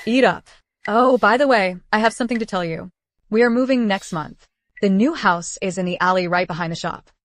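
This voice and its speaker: A woman dubbing a caring young wife in a period drama, with a gently bossy, fussing manner. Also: mid-range voice, a little fast, a little hiss or hum, close to an everyday voice. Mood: matter-of-fact, caring. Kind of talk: English dub of a period drama.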